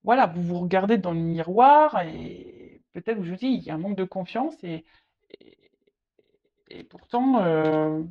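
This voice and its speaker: A woman's voice: lowish voice, animated. A woman giving a casual tarot reading, addressing the viewer directly, often stalling and repeating words. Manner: halting, repeats words, many fillers. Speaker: tarot reader. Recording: slightly dull lo-fi audio.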